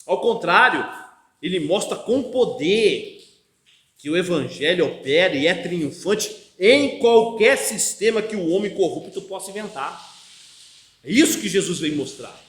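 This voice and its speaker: A Brazilian man preaches from the pulpit in a high, ringing voice. His Brazilian Portuguese accent carries through an echoey church hall. He presses his points hard and keeps asking his listeners for agreement. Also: expressive, a little slow, fairly bright tone. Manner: emphatic preaching with frequent call-and-response "amém?". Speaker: pastor. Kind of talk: expository sermon.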